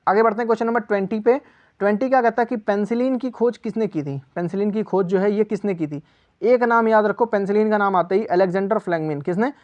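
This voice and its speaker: This exam-prep teacher talks fast in a high, darkish voice, and the recording cuts off the highs. His quiz lesson is casual and chatty: he asks viewers for answers, then restates each key answer as a question followed by its reply.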